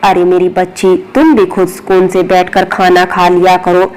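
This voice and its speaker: A woman's voice: on the low side, completely flat delivery, moderate pace, a little mellow, natural voice, low-quality recording. A woman voicing an affectionate older mother-in-law in a spoken story, coaxing and loving.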